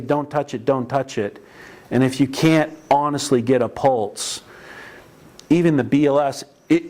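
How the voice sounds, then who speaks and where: A man's voice: on the high side, a little mellow. A middle-aged man with a slightly raised voice, giving a classroom lecture on emergency care. He talks in a loose, chatty way, often restarting sentences and telling stories from calls. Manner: conversational, anecdotal, with frequent restarts. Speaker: EMS instructor. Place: training classroom.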